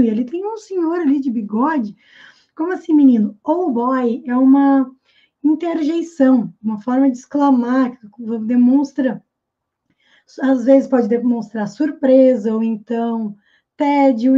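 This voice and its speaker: A Brazilian Portuguese-speaking woman teaching English pronunciation, slowly and carefully repeating English phrases. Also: sits high, warm tone, highs cut off. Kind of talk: explaining pronunciation in a video lesson.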